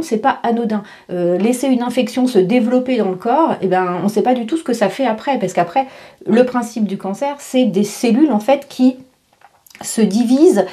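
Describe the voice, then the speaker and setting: Woman in her fifties, casual vlog, chatty, mellow, warm tone. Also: on the high side. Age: 50s. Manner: chatty, many fillers and restarts, laughs easily. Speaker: vlogger.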